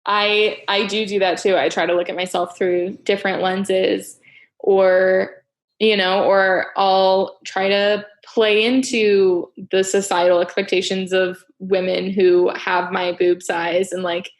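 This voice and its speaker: A woman's voice: medium pitch, little pitch movement, slow. A young woman hosting a casual podcast chat, rambling with lots of fillers and frequent laughs. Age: young adult. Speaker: podcast host.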